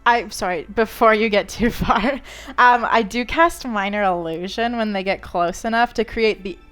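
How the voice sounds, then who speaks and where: A woman's voice: mid-range voice, moderate pace, fairly bright tone, smooth, faint music behind. A woman playing a tabletop game, giggly and eager. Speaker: player. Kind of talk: casual tabletop play.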